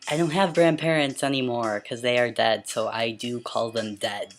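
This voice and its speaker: An amateur vlogger with a mid-pitched, androgynous voice, speaking casually and stumbling now and then over words. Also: fairly even intonation, faint music behind. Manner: halting, stumbles over words and repeats them when reading. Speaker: amateur video blogger. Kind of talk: casual question-and-answer vlog with some read-aloud passages.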